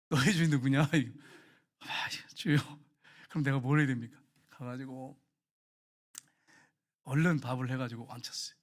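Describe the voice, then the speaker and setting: A middle-aged male pastor preaching a sermon, telling stories in a lively, colloquial way and speaking straight to his congregation. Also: medium pitch. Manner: lively storytelling, acting out everyday scenes; colloquial, talks directly to the congregation.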